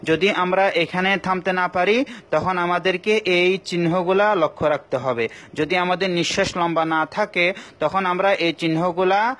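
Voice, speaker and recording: A man with a Bangladeshi Bengali accent teaching Quran recitation rules in a recorded class, patient and repeating each point, with slow chanted examples. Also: sits high, fairly bright tone.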